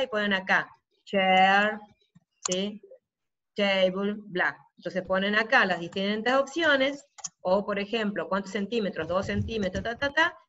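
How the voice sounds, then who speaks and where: A middle-aged woman, a teacher explaining software step by step on a live video call and often checking that her listeners follow. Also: a little high. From Argentina. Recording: dull lo-fi video call audio.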